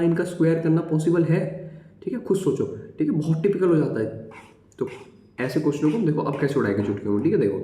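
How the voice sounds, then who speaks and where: A man's voice: medium pitch, warm tone, echoey room. A man teaching an exam-prep maths lesson in a conversational way, counting digits aloud and checking in with his students constantly.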